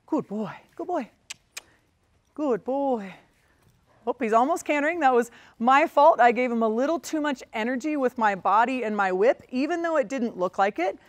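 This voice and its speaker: A woman riding instructor teaching a lesson while lunging a horse, talking calmly and stopping often to praise the horse. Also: high voice, a little fast, no echo.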